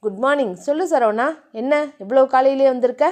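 A woman voicing a brooding, tough young male hero in an audio novel, speaking in a soft, low murmur. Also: a little fast, natural voice. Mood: brisk.

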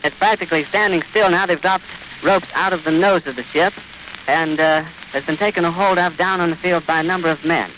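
A male radio reporter giving vivid, urgent live commentary outdoors at an airfield, pausing to catch his breath. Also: fairly high pitch, sharp tone, poor audio. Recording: old 1930s archive radio recording with hiss.

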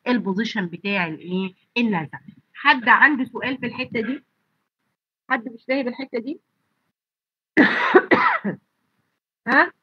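A woman's voice: a little high, wildly swooping pitch, normal speed, long pauses, breathy edge, dry recording, dull audio. A woman lecturer with an Egyptian accent and a blocked nose and throat, teaching an online class and asking and answering her own questions. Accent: Egyptian Arabic. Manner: asks students rhetorical questions and answers them. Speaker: pharmacy college lecturer. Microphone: computer mic on a video call.

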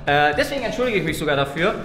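Chatting very fast, a thirtysomething man hosts an online vlog from office rooms and a stairwell indoors. His slightly high voice swings widely in pitch. The audio, from a handheld or propped vlog camera, is echoey with loud background music.

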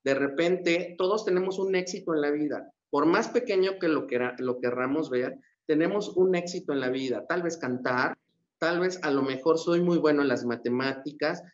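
A man's voice: a little high, moderate pace. A man, a psychologist giving an earnest motivational talk that wanders through fillers and restarts. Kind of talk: motivational talk on a radio-style show. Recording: echoey, dull lo-fi room sound.

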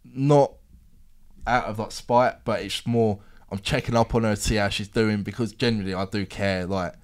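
A man's voice: lowish voice, fairly even intonation, moderate pace, darkish tone. A British man in his twenties chatting casually in an insistent, slangy way into a close studio mic. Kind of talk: casual chat. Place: small podcast studio. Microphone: close desk microphone.

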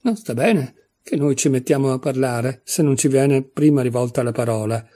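A man's voice: mid-range voice, normal speed, dark tone, close to an everyday voice. A man reading aloud, voicing a severe, condescending rose flower in a storybook, stern and critical.

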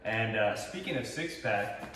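Lowish yet animated, his pushed, bright voice moves at a measured pace as the young Texan-accented vlogger casually walks through his fitness gear with many upbeat fillers in a large home kitchen. Recorded by a camera at a distance, it sounds echoey and remote, with a little hiss or hum.

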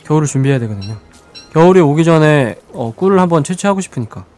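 A man's voice: fairly high pitch, lively intonation, quick pace, darkish tone. A man streaming a survival game with live let's-play commentary, chatting with viewers and talking to the creatures on screen.

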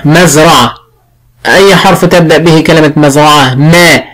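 A man with an Egyptian accent teaching early reading, sounding out syllables slowly and clearly. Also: a little high, a bit bright, rough recording. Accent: Egyptian Arabic. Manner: slow, drawn-out sounding of syllables. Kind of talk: classroom phonics lesson.

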